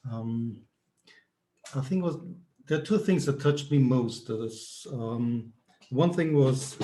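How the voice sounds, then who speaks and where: Slow, word-searching man trainer; mellow voice with roomy echo. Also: medium pitch, a little hiss or hum. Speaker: nonviolent communication trainer. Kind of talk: personal reflection in a group call. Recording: echoey room.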